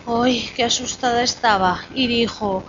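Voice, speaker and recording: Slow animated woman telling a fairy tale. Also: on the high side, lo-fi sound, a little hiss or hum. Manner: slow and animated, coaxing the child to finish lines. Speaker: storyteller to a child.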